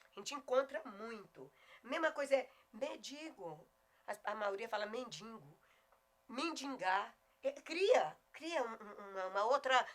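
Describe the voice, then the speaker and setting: A bright, fairly high-voiced woman with a Goiás Brazilian accent teaches a Portuguese lesson. She is emphatic, slowing down to spell out words letter by letter. Middle-aged and direct. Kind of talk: video lesson on spelling and pronunciation.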